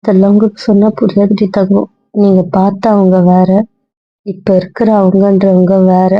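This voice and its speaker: A woman's voice: medium pitch, little pitch movement, normal speed, no room sound, natural voice. A young woman playing an anxious, guilt-ridden young wife who pleads and apologizes over and over, in a Tamil audio drama role-play. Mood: fearful. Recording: dull lo-fi recording, dry.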